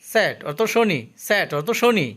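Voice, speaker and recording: A man's voice: sits high, lively intonation, fairly bright tone. A man teaching English vocabulary, saying each word and its meaning twice and stopping to explain the pronunciation. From Bangladesh. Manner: slow, careful drill with pronunciation notes.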